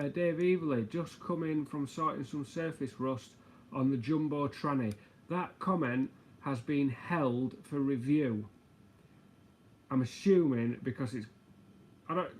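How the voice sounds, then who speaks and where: A man's voice: medium pitch, a little hiss or hum. A man hosting a casual livestream, rambling, joking and reading out viewer comments. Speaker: livestream host. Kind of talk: casual live chat.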